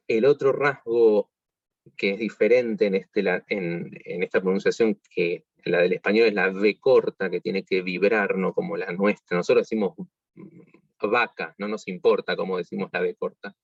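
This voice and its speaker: An Argentine man teaches a workshop over a video call, explaining patiently with frequent fillers and self-corrections. His voice sits fairly low, and the sound is dry and dull, like a lo-fi computer microphone. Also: normal speed, husky, dry recording. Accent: Argentine Spanish. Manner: explanatory, with many fillers and restarts. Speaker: music teacher. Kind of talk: online workshop lesson.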